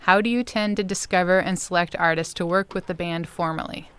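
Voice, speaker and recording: Minnesota lady on the radio reading a question, super smooth dry voice. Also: on the low side, fairly even intonation, brisk, a bit bright, dry recording. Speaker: radio host.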